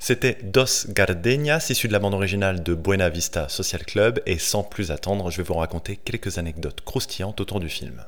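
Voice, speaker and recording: A man hosting a radio music show, presenting in a relaxed, slangy way with playful asides. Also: deep voice, fairly quick, few pauses.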